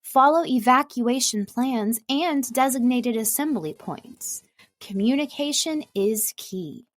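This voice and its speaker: Here a female voice artist delivers scripted narration at a steady, measured pace, pronouncing each word clearly. Her voice is slightly high and expressive.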